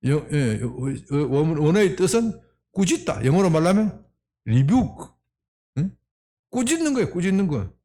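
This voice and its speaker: Animated male pastor preaching a sermon. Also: fairly high pitch, measured pace. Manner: animated, rhetorical questions to the congregation. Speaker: senior pastor. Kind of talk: Sunday sermon.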